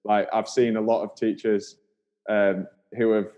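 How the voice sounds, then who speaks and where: A man's voice: fairly low pitch, flat delivery, unhurried, dark tone, dull audio. Chatty male podcast host. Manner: friendly, chatty, laughs easily. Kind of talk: casual interview.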